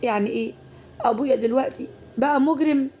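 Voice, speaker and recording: A woman's voice: sits high, fast, mellow, a little hiss or hum, close to an everyday voice. A woman voicing a frightened young woman who pleads and frets, with an Egyptian Arabic accent. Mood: tearful.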